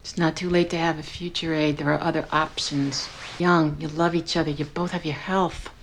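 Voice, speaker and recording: A woman's voice: low voice, flat delivery, normal speed, a little hiss or hum. An actress playing an earnest, direct woman in a television crime drama. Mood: earnest persuasion.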